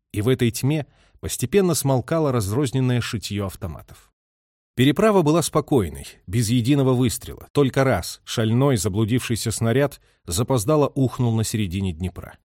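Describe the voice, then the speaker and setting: Expressive male audiobook narrator. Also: mid-range voice, no echo, studio quality. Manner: expressive, varied reading. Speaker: audiobook reader. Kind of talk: dramatic literary narration.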